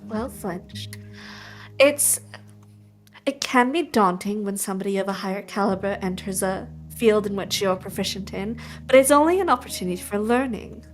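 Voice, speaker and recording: A woman's voice: mid-range voice, normal speed. Lady at the game table, lecturing and proper, faint guitar behind. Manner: formal, lecturing. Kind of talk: in-character table play.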